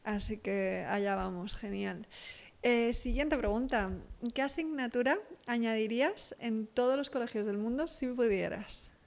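A woman hosting a podcast, asking questions and affirming her guest warmly. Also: on the high side, a little slow, creaky. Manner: encouraging, affirming. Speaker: podcast host. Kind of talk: podcast interview.

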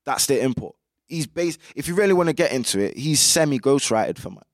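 A man's voice: medium pitch, lively intonation, a little fast, no echo, studio quality. A young man with a British urban roadman accent, giving his opinions in casual interview chat full of street slang. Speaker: music artist being interviewed.

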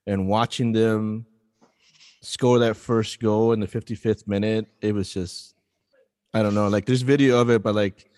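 A man co-hosting a casual podcast, an animated storyteller who rambles and restarts his sentences. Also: fairly low pitch, unhurried, no echo, studio quality, long reverb tail. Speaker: podcast co-host.

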